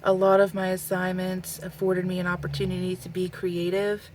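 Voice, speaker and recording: This young woman chats as she draws for her vlog, her lowish, slightly mellow voice completely flat in delivery. She's slow and reflective, full of fillers, and sniffles from a stuffy nose, with a bit of background noise present.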